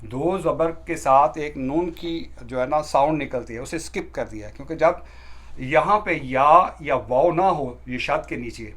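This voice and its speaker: A man's voice: on the high side, a bit bright. Patient man teaching Quran recitation. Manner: patient step-by-step explaining, recites verses slowly with long stretched tones. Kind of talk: explaining Quran recitation rules to beginners.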